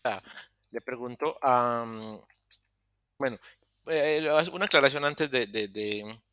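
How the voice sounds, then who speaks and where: A man teaching an English lesson online, explaining step by step with pauses and self-corrections. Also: mid-range voice, pushed and bright, clear, resonant tone, no room sound, clean studio sound. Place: online meeting room.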